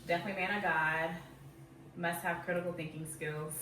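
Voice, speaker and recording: A woman in her thirties co-hosting a casual podcast chat, animated and playful, often saying "y'all" and "amen". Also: lowish voice, brisk, noisy background. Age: 30s. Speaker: podcast co-host. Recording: echoey room, mic at a distance.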